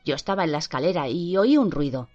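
Una mujer lee con voz propia a un niño maltratado que relata, tenso y entrecortado, su encierro. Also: female voice, low voice, lively intonation, quick pace, darkish tone. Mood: fearful. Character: frightened abused young boy recounting. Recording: dull lo-fi with faint music.

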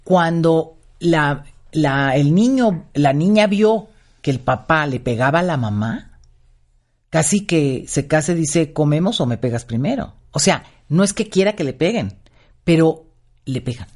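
A woman's voice: low-pitched, expressive, a little slow, a little mellow. An older woman, a child psychologist talking as a radio guest, telling stories animatedly and acting out the people she quotes. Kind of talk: radio interview talk.

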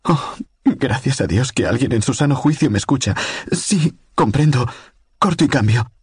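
A man's voice: medium pitch, lively intonation, moderate pace, breathy edge, no room sound, studio quality, voice pushed up. A man voicing a terrified young woman who is trapped with her child, pleading through tears. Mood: desperate pleading. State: desperate, tearful.

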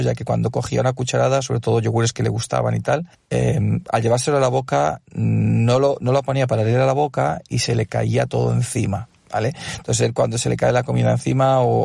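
Gravelly-voiced man, patient and chatty. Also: mid-range voice, warm tone, dry recording. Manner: explains patiently with many fillers and asides. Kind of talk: casual testimonial.

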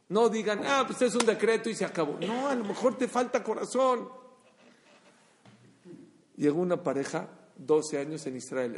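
Animated man preaching in a hall. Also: a little high, a little hiss or hum. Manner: animated storyteller, acts out dialogue. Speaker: rabbi. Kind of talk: sermon with storytelling. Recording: long hall reverb.

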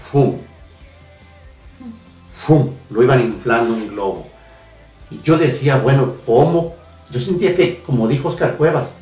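A man with a mid-range, slightly mellow voice earnestly shares a personal faith testimony as a guest on a radio talk show. His emotional account includes hesitations and repeated phrases. The sound is distant in an echoey room, with faint music behind him.

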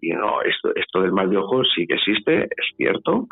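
A Spanish-accented man from Spain tells a personal story as a phone-interview guest, hesitating and repeating his words. His gravelly voice sits low with big pitch swings at a moderate pace, and the line is tinny with faint music.

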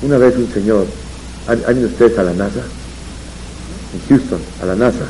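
A man delivers a rabbi's Torah lesson full of anecdotes. His voice is warm and dark, and it rises and gets louder when he drives a point home. A faint hiss sits under the recording. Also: lowish voice, moderate pace, poor audio. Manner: storytelling, rising and louder on emphatic points. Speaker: rabbi giving a Torah talk. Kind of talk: religious lecture with anecdotes.

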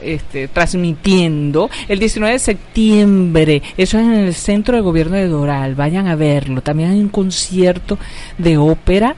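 A man's voice: sits high, a little slow, dark tone, a little hiss or hum. Chatty male radio host. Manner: chatty, filler-heavy announcer. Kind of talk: casual radio chat. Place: radio studio.

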